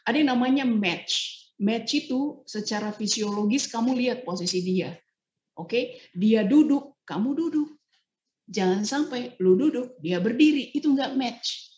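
A woman's voice: a little high, unhurried. A woman trainer giving a casual online training talk, acting out short example dialogues as she explains. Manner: lively, acts out example dialogues. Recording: roomy, dull lo-fi sound.

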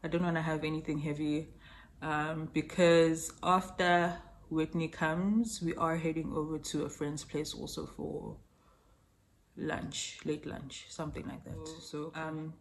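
A woman's voice: low-pitched, flat delivery, a little slow. Young woman vlogging at home, chatty, lots of ums, faint noise behind. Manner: chatty and rambling, with many "um"s and little laughs. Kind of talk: casual chat to camera. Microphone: camera mic.

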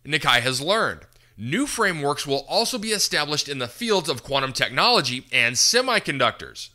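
Fairly high-pitched and moving in lively swings, a man's very bright, punchy voice carries scripted news commentary. He's a podcast host with a polished, emphatic delivery.

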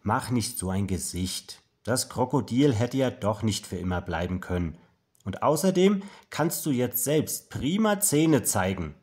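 A man's voice: big pitch swings, a little slow, a little mellow. A man voicing a worried, strict mother in a children's storybook, in a raised voice full of fussing questions. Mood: comforting. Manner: high, fussing, alarmed questions.

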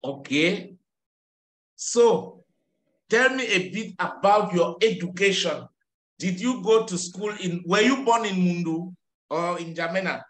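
High-voiced patient man tutoring over a video call. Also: a little slow. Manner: patient, corrects and repeats phrases, switches to French to explain. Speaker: English tutor. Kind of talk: online English lesson. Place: small office with tiled walls. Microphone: webcam on a video call. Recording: roomy video-call audio.

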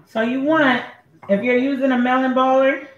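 A woman's voice: high-pitched, fairly even intonation, normal speed, highs cut off. A woman from Puerto Rico hosting a casual cooking demonstration at home, chatting while she cooks and chewing between sentences. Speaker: home cook host. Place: home kitchen. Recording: echoey kitchen with faint ambient noise.

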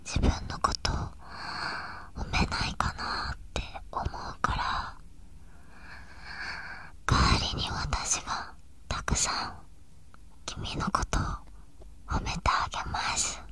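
A young woman doing gentle, reassuring ASMR in a breathy whisper, very close to a binaural microphone. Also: slow, long pauses. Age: young adult. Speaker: ASMR host. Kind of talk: whispered ASMR, soothing personal address. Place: small bedroom, lying on a bed. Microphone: binaural ear microphone, held right at the mouth.

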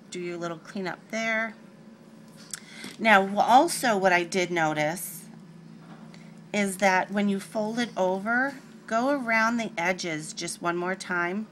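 A woman's voice: mid-range voice, a bit bright, a little hiss or hum. A woman hosting a casual nail art tutorial, talking through each step with chatty, rambling asides.

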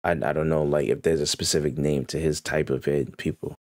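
Deep-voiced man rambling excitedly. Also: a little fast, no echo. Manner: excited, slangy, rambling with restarts. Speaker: gaming YouTuber reacting to a trailer. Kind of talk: casual reaction commentary.

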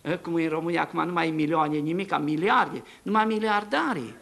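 A man preaching a testimony sermon in a church, telling his story with animated swings between hushed tones and shouts. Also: a little high, vocal fry.

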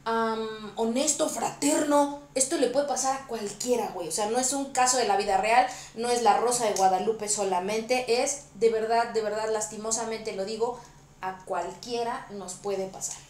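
A woman's voice: fairly high pitch, fairly even intonation, normal speed, a little mellow, echoey room. A woman guest speaking in an earnest, emphatic way in casual chat.

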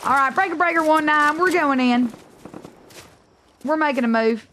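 A woman's voice: sits high, normal speed, pushed and bright. A woman streamer chatting casually over a game, playful, teasing and dramatic. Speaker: gaming streamer. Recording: noisy game audio behind voice.

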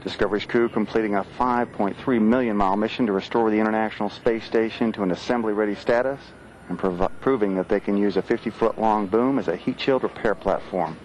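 A man's voice: on the low side, quick pace, darkish tone, dull audio, slight background noise. A man giving factual live commentary as a mission control announcer.

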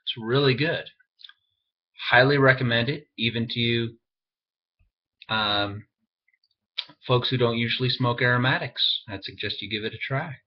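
A man casually reviewing pipe tobacco, talking around a pipe in his mouth with a relaxed, conversational manner. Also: mid-range voice, measured pace, long pauses. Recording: dull lo-fi audio with faint music.

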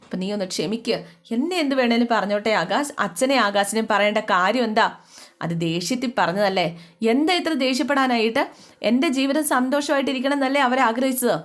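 A woman's voice: a little high, a little fast, lightly acted. A woman voicing a hurt young bride who pleads and asks indignant questions about her family. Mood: pleading.

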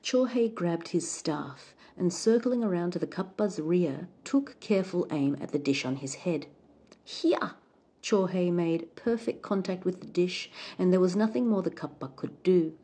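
A woman reads a folk tale aloud in a calm, measured way. Her voice is low, husky and mellow. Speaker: storyteller.

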